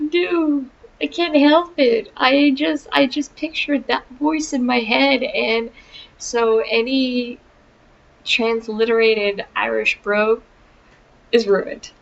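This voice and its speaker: A woman with a gravelly, fry-tinged voice talks slowly through a casual book review, wry and chatty with plenty of ums. The recording is dull and lo-fi, with a faint hiss behind her. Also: a little high, steady tone. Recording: dull lo-fi sound with faint noise.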